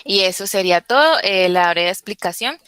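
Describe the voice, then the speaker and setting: A young woman giving a class presentation over a video call, often pausing on "eh" fillers. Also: medium pitch, lively intonation, a bit bright, clean tone, no echo. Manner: hesitant, many "eh" fillers. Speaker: student presenter.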